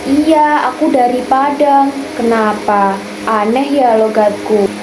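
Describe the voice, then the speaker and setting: A young woman playing a friendly, calm student from Padang in a school skit, speaking gently. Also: on the high side, slow pace, echoey room, over music, rough recording. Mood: puzzled.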